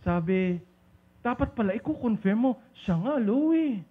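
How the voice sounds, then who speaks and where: A man's voice: very high voice, animated, unhurried, slightly rough. A man giving a seminar on communication to a live group, teasing his listeners and calling on them by name. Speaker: seminar speaker. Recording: dull lo-fi recording.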